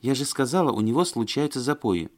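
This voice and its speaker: A man's voice: medium pitch, animated, brisk, voice pushed up, close to an everyday voice. A man reading an audiobook and voicing a fussy, flustered woman who chatters and complains in a plaintive, agitated way. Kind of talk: audiobook character voice.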